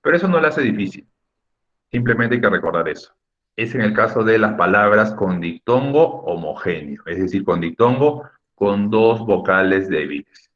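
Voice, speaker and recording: Low-voiced teacher on a lively video-call lesson. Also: male voice, normal speed, lo-fi sound. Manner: explains patiently, repeats key points, checks with students. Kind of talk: online class lecture.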